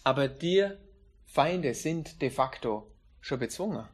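A man preaching a sermon in an emphatic way, slowing down on key phrases. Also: mid-range voice, expressive.

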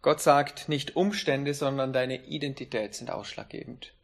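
A man preaching a sermon in an emphatic way, slowing down on key phrases. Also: mid-range voice, gravelly.

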